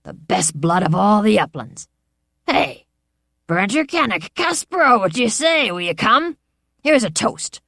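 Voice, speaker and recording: A woman's voice: very animated, slow pace, vocal fry, no echo, clean studio sound, exaggerated voice. A woman voicing a bellowing, overbearing old grandfather lord with brassy, jeering laughter in his voice. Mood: boisterous. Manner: booming and jeering.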